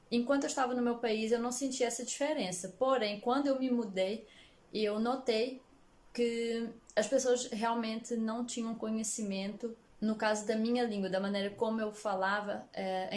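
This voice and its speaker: A woman's voice: fairly high pitch, darkish tone. A woman in her late twenties answering interview questions casually, thinking aloud and listing her points. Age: 20s. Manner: thoughtful, listing points with fillers.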